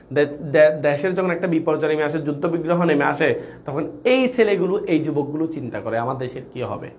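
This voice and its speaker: A man's voice: on the high side, a little hiss or hum. A young man with a Bangladeshi Bengali accent teaching an online exam-prep lecture, quizzing his students with rhetorical questions.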